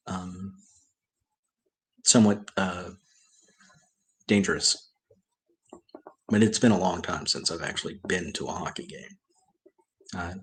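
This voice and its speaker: Slow, dry-humored man reading etiquette rules. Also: sits low, fairly bright tone. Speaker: speaker giving a talk on vintage manners. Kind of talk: talk reading from an old etiquette book with comments.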